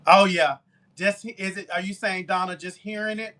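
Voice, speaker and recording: Southern US man, high bright voice, talkative live-stream baker. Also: steady tone, normal speed. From Alabama, US. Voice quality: talkative, warm down-home manner. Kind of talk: casual chat with live viewers.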